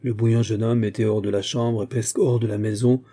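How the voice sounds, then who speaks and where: A man reading a classic novel aloud in measured, even narration. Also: lowish voice. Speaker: audiobook reader.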